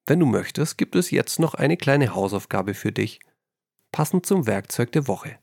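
A man's voice: mid-range voice, lively intonation, normal speed, creaky, darkish tone, no echo, studio quality. A man hosting a creative-writing podcast, giving scripted tips straight to the listener. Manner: addresses the listener directly with instructive tips.

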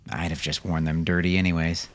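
A man's voice: deep voice, flat delivery, a little fast. A man reading an audiobook, voicing a patient, weary soldier father who jokes with his family.

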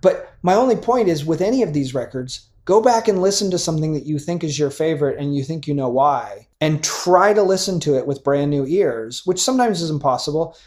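A middle-aged man in casual chat about music, animated and rambling, swearing freely and trailing off into fillers. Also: a little high, fairly quick, hardly any pauses.

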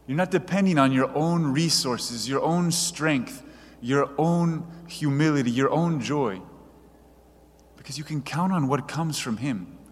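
A man preaching a sermon in an earnest, measured way, reading quoted passages aloud. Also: a little high, big-room sound.

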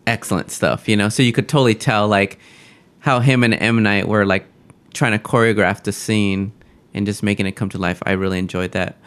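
A man in casual conversation, telling a film's scenes with animated enthusiasm. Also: lowish voice, a little fast, clear, resonant tone. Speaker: podcast co-host. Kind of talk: casual movie discussion.

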